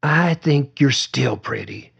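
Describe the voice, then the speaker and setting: A man voicing a breathy female caregiver whose voice is sweet and gritty at once and smoky, coaxing an old woman. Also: a little high, animated, slow pace, a bit bright, pitched above the performer's own voice, exaggerated voice. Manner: coaxing, fussing. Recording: dull lo-fi recording.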